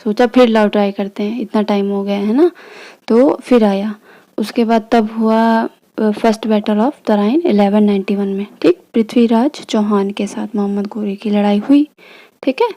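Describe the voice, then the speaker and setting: Mellow-voiced woman explaining history. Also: mid-range voice, steady tone, normal speed. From India. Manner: chatty, frequent "theek hai" check-ins. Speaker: history teacher. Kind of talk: casual explanatory lesson.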